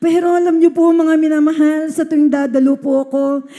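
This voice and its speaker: A woman's voice: high voice, flat delivery, brisk, warm tone, faint music behind. A woman from the Philippines giving an earnest testimony to a church congregation, often addressing her listeners as beloved.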